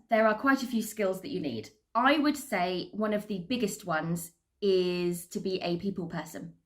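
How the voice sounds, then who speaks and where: An upbeat British woman speaks informally about her working life. She is chatty and articulate, like a cruise director at ease with talking to people. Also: mid-range voice. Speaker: assistant cruise director and entertainer. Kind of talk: informal career talk to camera.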